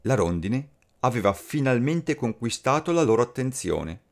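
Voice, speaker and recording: A man reading a fairy tale aloud as a storyteller, slow and expressive. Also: medium pitch. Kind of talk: scripted fairy tale narration.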